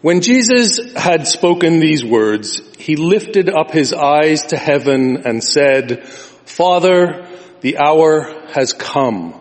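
A male pastor leading a liturgy and reading the gospel in a slow, solemn, drawn-out manner, with cathedral echo. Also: fairly high pitch, expressive. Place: large church sanctuary. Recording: long reverb of a large church.

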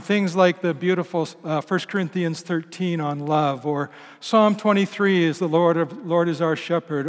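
A man preaching reflectively in a church, feeling his way through phrases with repeated words. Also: a little high. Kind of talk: reflective sermon. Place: large church. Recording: long reverb of a church.

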